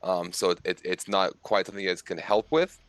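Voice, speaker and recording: A man narrating as game master of a tabletop game, casual and halting, with many fillers. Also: deep voice, steady tone, fairly bright tone, clean tone, dry recording.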